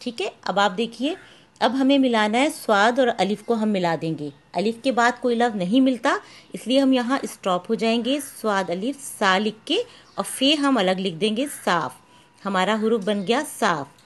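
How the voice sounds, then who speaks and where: A woman's voice: on the high side, expressive, normal speed. A woman school teacher giving a patient lesson, spelling out letters one by one and calling her pupils "beta". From Pakistan. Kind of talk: slow, patient classroom instruction.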